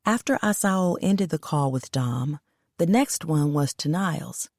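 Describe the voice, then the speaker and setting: A woman reading a story aloud as audiobook narrator, in a steady, matter-of-fact way. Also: low-pitched, a little slow, no echo, studio quality.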